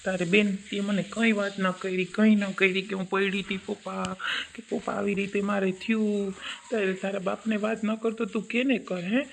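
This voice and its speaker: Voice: mid-range voice, little pitch movement, brisk, gravelly, a little hiss or hum, close to an everyday voice. A voice actor playing a caring middle-aged father who questions and reassures his crying daughter. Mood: reproachful. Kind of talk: Gujarati cartoon voice acting.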